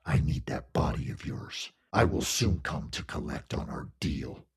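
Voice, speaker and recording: A man voicing a sinister, patient demon in a horror story, in a dark, breathy, threatening whisper. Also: extremely low pitch, pitched below the performer's own voice, full character voice. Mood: menacing. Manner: slow, threatening, hushed. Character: menacing male demon, patient, sinister, ancient tormentor.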